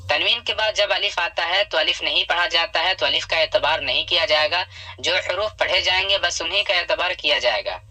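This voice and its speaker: A man teaching recitation at a patient, step-by-step pace. His voice is bright and a little husky. He stretches out example sounds slowly, repeats them, and quizzes the listener with questions he answers himself. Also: on the high side, poor audio. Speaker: Quran reading teacher.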